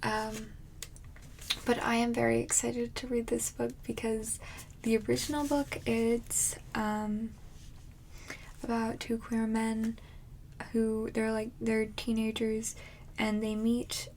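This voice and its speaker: A woman in an ASMR role-play as a friendly librarian, chatting casually and haltingly in a soft, breathy soft voice. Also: little pitch movement, a little hiss or hum. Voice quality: soft, breathy soft voice with some low voicing.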